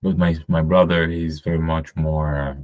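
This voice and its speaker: A man's voice: rumbling low, little pitch movement, normal speed. A man from Cameroon, a podcast guest, talking casually and rambling with many fillers and restarts. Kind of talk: casual conversation.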